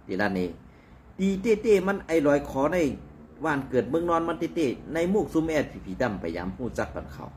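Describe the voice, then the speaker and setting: Male news commentator, conversational and rambling, pitch swinging widely, mid-range voice. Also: slight background noise.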